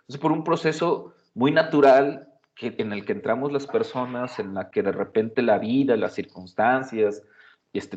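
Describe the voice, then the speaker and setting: A man's voice: mid-range voice, a little mellow. A middle-aged man, giving a university lecture in a conversational way, full of fillers and tag questions. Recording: dull lo-fi audio.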